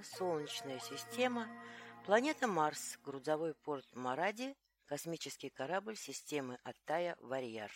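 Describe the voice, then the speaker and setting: A woman narrating a first-person story in an expressive, animated reading style. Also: on the low side. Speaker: audiobook narrator.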